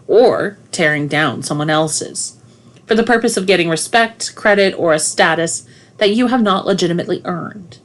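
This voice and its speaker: A woman with a somewhat low voice reads her own nonfiction book aloud. She is a family therapist and takes the text at a measured, deliberate pace, explaining each point with care.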